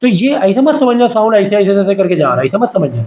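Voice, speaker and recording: Talking fast in a high, darkish voice with big swings in pitch, a man teaches a science lesson to a class of students. He quizzes them over and over with short call-and-response questions, getting them to repeat terms back to him.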